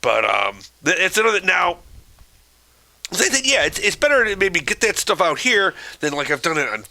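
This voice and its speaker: An older man rambles through a casual podcast story, full of halting restarts. His voice is bright and lively, rising and falling a lot as he talks. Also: high-pitched, vocal fry. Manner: halting, many restarts, shouts out acted chants in stories. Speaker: podcast co-host.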